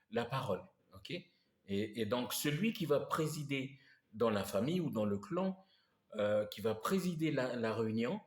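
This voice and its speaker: A man teaching a slow language lesson, patiently repeating each word and checking in with his listeners. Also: mid-range voice, roomy sound.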